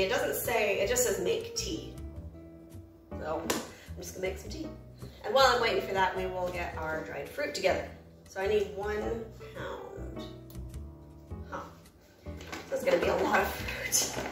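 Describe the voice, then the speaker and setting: An American woman with a medium-pitched voice hosts a cooking vlog from her home kitchen, chatty and upbeat, drifting into rambling asides. She is recorded from a distance in an echoey room.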